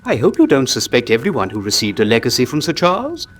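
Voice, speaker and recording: An actor playing an earnest, courteous country doctor in a radio drama, with polite, formal speech. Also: male voice, medium pitch, wildly swooping pitch, fast talker, fairly bright tone, a little hiss or hum. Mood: earnest, helpful. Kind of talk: classic radio drama acting.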